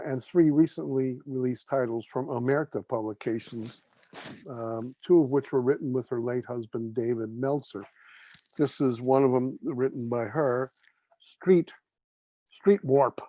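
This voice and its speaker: A man's voice: mid-range voice, warm tone, no echo, rough recording. A man introducing a reader as an event host, informal and a little hesitant, checking himself as he goes.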